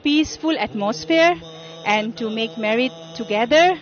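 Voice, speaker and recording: A woman giving calm, deliberate interview answers at a temple ceremony, pausing often. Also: fairly high pitch. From Bangladesh. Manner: calm, deliberate, with frequent "uh" pauses. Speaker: interviewee, event guest. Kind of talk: slow, measured interview answers. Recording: slightly dull lo-fi audio with music behind. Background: music.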